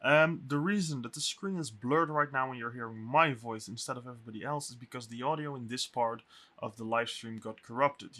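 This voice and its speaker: A man recapping a tabletop game session as game master, his voice sounding echoey, talking haltingly with fillers and restarts. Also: medium pitch, bright, forceful tone.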